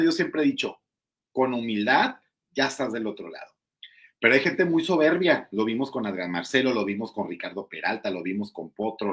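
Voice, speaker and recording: A man with a Mexican accent hosting a casual gossip commentary show, talking in a chatty way with lots of fillers and often mimicking others. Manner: mimics others in a high, mocking voice. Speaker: entertainment show host.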